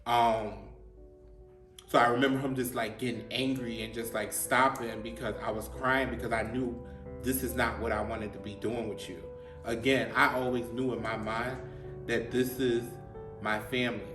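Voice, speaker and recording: A man hosting his own show and telling a personal story in a halting way, repeating himself and often saying "like.". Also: medium pitch, flat delivery. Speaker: host. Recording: roomy, distant mic, faint music.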